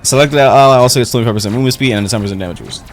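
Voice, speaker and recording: A young man giving casual live gameplay commentary, slangy and profane as he thinks out loud. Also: medium pitch, racing. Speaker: video game streamer. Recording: loud game music behind the voice. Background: video game music and effects.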